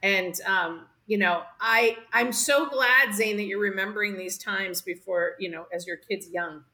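A woman's voice: mid-range voice, unhurried, pushed and bright, poor audio. A middle-aged woman talking casually as one of a panel. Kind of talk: casual chat.

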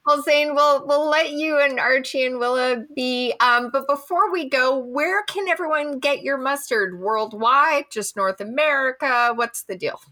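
A woman's voice: sits high, measured pace, hardly any pauses, bright, forceful tone. A woman hosting a casual, chatty conversation. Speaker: podcast host. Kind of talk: casual chat.

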